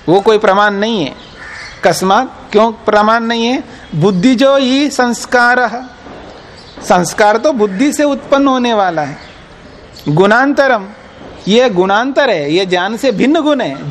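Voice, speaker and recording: High-pitched male teacher lecturing firmly, a faint hiss behind. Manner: explains patiently, quizzes listeners, firm and insistent. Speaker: teacher of philosophy. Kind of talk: classroom lecture on scripture.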